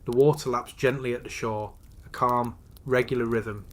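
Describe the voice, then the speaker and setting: Man narrating a slow, soothing sleep story. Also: medium pitch, fairly even intonation. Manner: slow, soothing, measured delivery with pauses.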